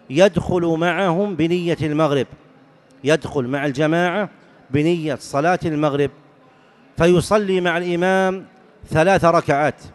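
A male religious scholar explains rulings in a question-and-answer lesson. His voice sits a little higher than most men's, and he speaks in a measured, teaching way. He often repeats key points for emphasis.

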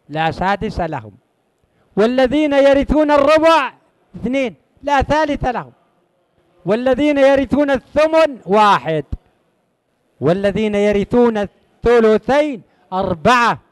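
A man's voice: high-pitched, smooth, dry recording. A man teaching a religious lesson on inheritance law, emphatic and repeating key phrases for his students.

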